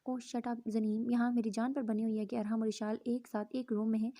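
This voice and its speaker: A headstrong young woman snaps back impatiently in a storybook reading, as a woman narrator puts her on. The voice is mellow and fairly high. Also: little pitch movement. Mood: irritated. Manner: snappish, dismissive.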